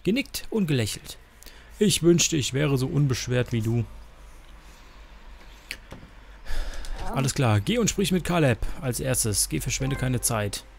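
A man's voice: medium pitch, lively intonation, normal speed, vocal fry, a little hiss or hum. A man voicing a stern, protective old woman elder from a game, reading her lines in a lecturing, firm tone. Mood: advising.

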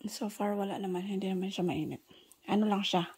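A woman's voice: mid-range voice, fairly even intonation, a little fast, darkish tone. A young mother chatting casually to her viewers, mixing in English. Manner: chatty, talks to viewers as "guys", mixes English in. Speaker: mother vlogging about her baby. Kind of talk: casual home vlog. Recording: clear background noise.

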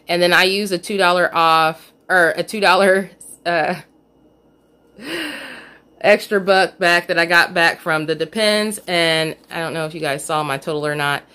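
A lowish, bright, forceful female voice, clear and resonant, narrates a casual at-home store haul for a couponing vlog. Recorded on a phone camera with her off screen, she chats freely and scolds herself slightly over a coupon she overlooked.

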